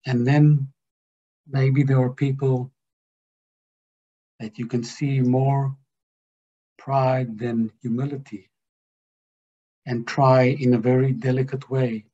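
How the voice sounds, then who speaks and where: A man speaking to a group as a spiritual teacher, in a slow, deliberate and emphatic way. His voice is dark and slightly husky. The recording sounds dull and lo-fi. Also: medium pitch. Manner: slow, measured, emphatic delivery.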